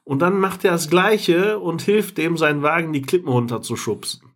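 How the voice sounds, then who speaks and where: A man's voice: on the high side, moderate pace. A man co-hosting a podcast in casual chat, describing things at length with many fillers. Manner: rambling, detailed anecdote-telling with fillers. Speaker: podcast co-host.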